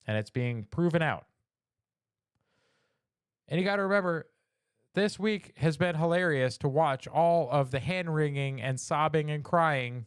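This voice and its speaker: A man's voice: on the high side, clear, resonant tone, dry recording, studio quality. A man hosting a weekly news livestream, mocking and chatting with viewers. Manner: mocking, sarcastic, talks to chat. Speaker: host of a weekly news stream. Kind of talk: casual livestream commentary.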